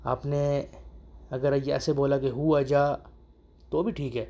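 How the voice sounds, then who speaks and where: A man teaching a casual lesson, saying each short phrase slowly and repeating it several times to drill the pronunciation. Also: medium pitch, darkish tone. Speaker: Arabic teacher. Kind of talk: casual spoken language lesson.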